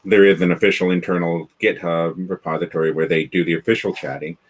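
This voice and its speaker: With a deep voice, fairly even intonation and a quick pace, a Canadian man chats as a guest on a video-call interview. He founded a developer community, and his casual talk rambles, full of restarts and fillers. The recording is rough.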